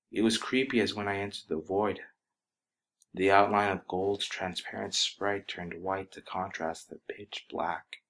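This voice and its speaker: Reading a scripted horror story, a man with a voice on the low side narrates ominously and dramatically. At times he lowers his delivery to a hush.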